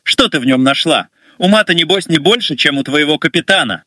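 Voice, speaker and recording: A man's voice: on the high side, animated, fairly quick, pushed and bright, no room sound, studio quality. A man voicing a drunk, arrogant young man who sneers and taunts the people around him. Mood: taunting. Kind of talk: audio story narration.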